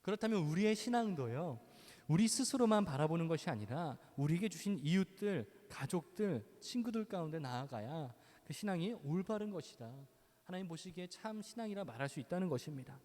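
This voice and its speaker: Playful youth preacher in a reverberant hall. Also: male voice, a little high, expressive, fairly quick, a little mellow. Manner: playful, acts out quoted lines, asks the kids questions. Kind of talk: sermon to teenagers. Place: church hall.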